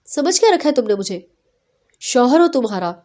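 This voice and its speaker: A woman's voice: high-pitched, sing-song, mellow. A woman voicing a proud, short-tempered young husband who talks in harsh, scolding bursts. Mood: angry.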